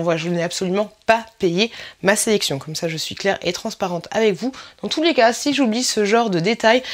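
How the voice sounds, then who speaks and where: Chatty woman vlogging. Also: medium pitch. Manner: chatty, self-correcting, many fillers. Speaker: vlogger reviewing swimsuits. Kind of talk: casual try-on vlog.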